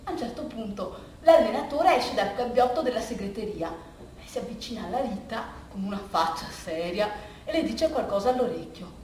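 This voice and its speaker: A woman delivers a theatrical storytelling monologue in the first person, halting and conversational, repeating phrases along the way. Her voice is slightly high, expressive and somewhat mellow. The recording sounds distant, in a very echoey room with faint noise.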